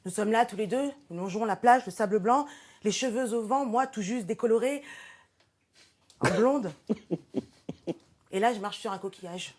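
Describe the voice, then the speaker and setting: A woman's voice: medium pitch, normal speed, pauses often, darkish tone. A woman who is a regular on the show, giving a playful, theatrical comic tribute to a guest. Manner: playful, theatrical, self-mocking. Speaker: regular portrait presenter. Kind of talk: comic scripted tribute monologue.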